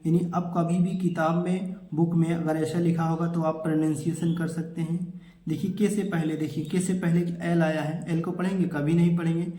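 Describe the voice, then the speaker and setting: A man's voice: a little high, flat delivery, normal speed, dark tone, reverberant. A man teaching English pronunciation rules to children, repeating each rule and answering his own questions. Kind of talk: classroom-style lesson.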